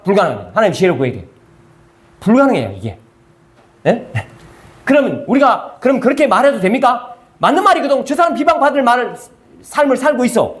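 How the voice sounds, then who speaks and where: Man, pastor, emphatic sermon, question-and-answer style, high voice, lively pitch. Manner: emphatic, asks the congregation questions and answers them; reads scripture aloud in a measured cadence. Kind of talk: sermon, Bible review.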